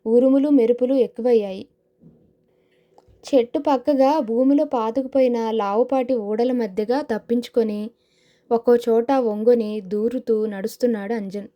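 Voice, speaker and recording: A woman narrating a horror suspense audio novel in a steady, dramatic storytelling manner. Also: a little high, moderate pace, muffled recording.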